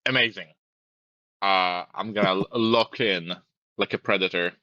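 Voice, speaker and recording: A man playing in a tabletop game, making deadpan jokes in and out of character. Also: low-pitched, unhurried, no echo. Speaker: player. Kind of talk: tabletop role-play. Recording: dull lo-fi mic, dry.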